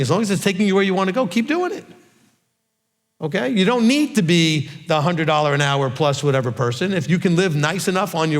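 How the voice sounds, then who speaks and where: A middle-aged man with a somewhat high voice gives an informal Bible teaching, and the recording has a long reverb tail. He speaks emphatically and keeps checking in with listeners, repeating "okay?" and "all right?"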